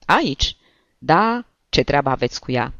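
A man's voice: fairly high pitch, very animated, creaky, fairly bright tone, no room sound, muffled recording, heavily acted. A man voicing a plump, tearful middle-aged woman who gushes in exclamations, in an audiobook reading. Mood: gushing.

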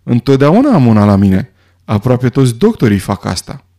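A man's voice: medium pitch, big pitch swings, dark tone. A man voicing a grave male doctor who speaks with a trace of uncertainty. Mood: uneasy.

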